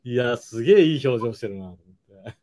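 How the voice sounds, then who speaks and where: A man's voice: medium pitch, lively intonation, quick pace, highs cut off, a crowd in the background. A man hosting a casual chat with a guest, polite and affable. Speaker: host magician.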